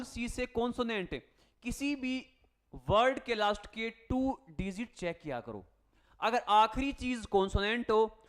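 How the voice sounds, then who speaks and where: A male teacher coaching exam students in a spelling lesson, speaking Hindi. He spells words out letter by letter and asks the class questions, then answers them himself. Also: high-pitched. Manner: calls students "beta" and "bhai" in a friendly coaching tone. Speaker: English teacher.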